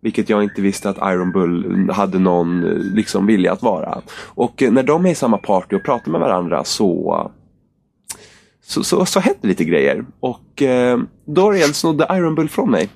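A fairly low-pitched man spins a story in relaxed conversation. His voice swoops up and down as he acts out what the characters said, and his delivery stays animated throughout. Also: creaky, husky. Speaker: podcast co-host telling a gaming story. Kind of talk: casual chat.

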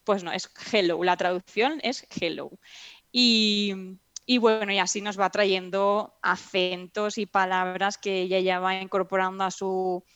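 A woman from Spain, chatting as an interview guest and telling animated stories. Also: medium pitch, measured pace, smooth, no echo. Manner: chatty, animated storytelling with restarts. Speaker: interview guest, mother and teacher. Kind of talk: casual interview chat.

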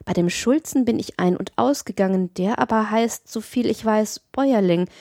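A woman's voice: medium pitch, normal speed, dark tone, no room sound, studio quality, lightly acted. A woman voicing a cheerful young male painter on foot, speaking in a friendly, teasing, earnest way in her own voice.

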